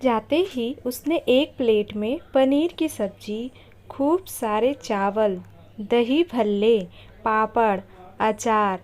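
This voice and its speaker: A woman narrating a scripted emotional story in a slow storytelling manner. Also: a little high, a little mellow.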